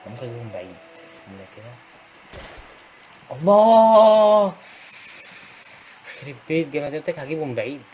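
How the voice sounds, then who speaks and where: A young man with an Egyptian Arabic accent giving excitable gameplay commentary, often shouting at enemies. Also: medium pitch, rapid-fire, few pauses, soft background music. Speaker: gaming YouTuber.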